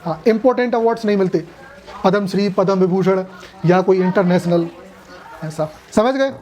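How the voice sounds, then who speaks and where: A man's voice: sits high, moderate pace, darkish tone. Male tutor, classroom lecture, casual and talkative, keeps checking students follow. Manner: chatty, asks students questions, jokes. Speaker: coaching class teacher.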